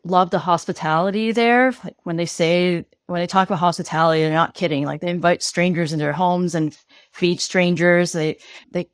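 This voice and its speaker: A veterinarian in her thirties, from Hong Kong and raised in Syria and Lebanon, chats as a podcast guest. She talks in a measured way and explains things carefully. Her voice sits fairly low, and the sound is close and dry. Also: steady tone, smooth, dry recording. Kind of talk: casual interview chat.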